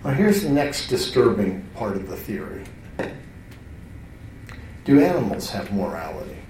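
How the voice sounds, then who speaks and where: A man's voice: fairly low pitch, big pitch swings, a little slow, darkish tone, a little hiss or hum. A man teaching a class in a conversational, self-interrupting way, often restarting his sentences. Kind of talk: lecture to a class. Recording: roomy hall, voice from far off.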